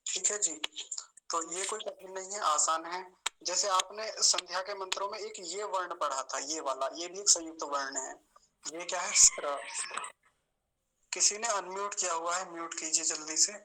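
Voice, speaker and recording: Over a video call with some background noise, a high-voiced man teaches Sanskrit pronunciation online. He demonstrates sounds by slowly repeating them, explaining everything patiently.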